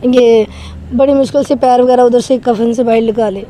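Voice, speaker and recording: A woman's mellow voice, on the high side and fairly even in intonation, trembles as she earnestly describes a frightening experience of her own during an interview. Her storytelling is emotional, and the recording carries a little hiss or hum.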